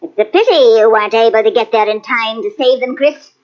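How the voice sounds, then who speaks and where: A woman's voice: a little high, brisk, natural voice. A woman playing a shrewd, suspicious old grandmother with a dry, pointed manner in radio drama. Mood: knowing, suspicious. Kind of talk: 1940s radio drama acting. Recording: dull, lo-fi old radio cassette.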